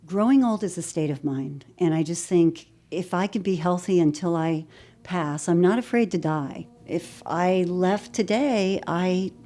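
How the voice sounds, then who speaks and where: A woman's voice: fairly low pitch, measured pace, warm tone. A woman in her sixties who teaches yoga and owns a studio, talking in an upbeat, self-assured way in an interview. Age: 60s. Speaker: yoga instructor and studio owner. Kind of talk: reflective interview talk.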